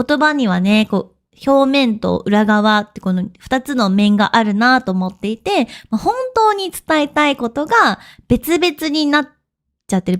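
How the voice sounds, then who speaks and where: Chatty woman teaching in a podcast. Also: on the high side. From Japan. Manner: chatty, friendly, laughs often, asks listeners questions. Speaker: online Japanese teacher. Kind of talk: casual podcast lesson.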